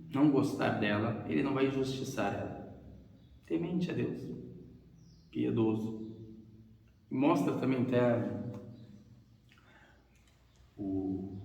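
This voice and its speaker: A man delivers an earnest, storytelling sermon, repeating phrases and acting out short quoted lines. His voice sits at an ordinary pitch. It rings through a large reverberant hall, picked up from well away from the mic. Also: creaky. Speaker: preacher. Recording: echoey hall, far from the mic.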